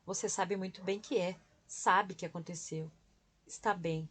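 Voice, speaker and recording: A woman's voice: fairly low pitch, fairly even intonation, unhurried, a bit bright. A woman reading the lines of a stern older woman who owns a plant nursery, in an audiobook.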